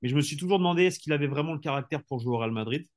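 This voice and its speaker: A man with a high-leaning voice races through his arguments in a casual football debate, where he takes part as a sports journalist. He argues rhetorically and keeps dropping in fillers, above all "tu vois".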